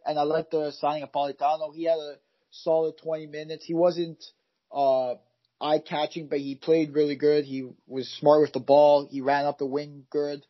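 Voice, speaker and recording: A man's voice: a little high, dull audio. A man co-hosting a casual football podcast, rambling with many fillers and restarts. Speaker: podcast co-host, football fan. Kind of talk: casual chat.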